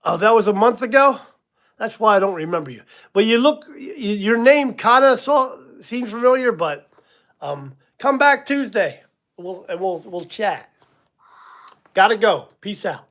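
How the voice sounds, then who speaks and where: This man's voice is high and fairly bright, with lively intonation and an unhurried pace. In his sixties and hosting a casual live stream, he rambles slightly, chuckles at himself, says um a lot, and greets viewers by name as he answers them.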